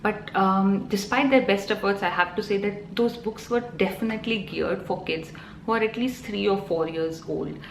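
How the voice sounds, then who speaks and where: With a medium-pitched, creaky voice at a moderate pace, this Indian-accented woman in her thirties chats to camera as a parenting vlogger; Telugu is her first language, and she says um and you know a lot. The echoey room has faint ambience and a little hiss or hum.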